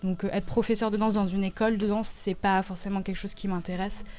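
A woman in her twenties, a dancer and choreographer, talks about her work in a casual interview, halting often as she searches for words. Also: mid-range voice, flat delivery, darkish tone. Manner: halting, with many hesitations.

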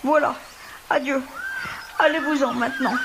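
An earnest young jungle boy, as a male storyteller puts him on, speaking high and pleading. He sounds far above the narrator's own register, with a noticeable hiss of noise in the recording, in a storybook manner. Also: steady tone, moderate pace. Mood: reproachful.

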